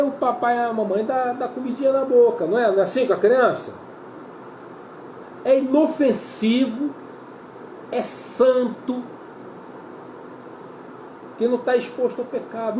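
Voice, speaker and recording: A Brazilian Portuguese-accented man preaches in a high, warm voice, earnest and repetitive as he calls his listeners brother. The sound is roomy and echoey, with faint ambient noise behind him. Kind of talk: sermon.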